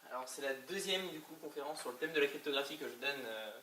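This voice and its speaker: A man's voice: mid-range voice, lively intonation, fast talker, pushed and bright. A man with a French accent giving an informal technical talk in a colloquial, hesitant way, pronouncing English terms with a French accent. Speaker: conference speaker. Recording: echoey distant mic, faint noise.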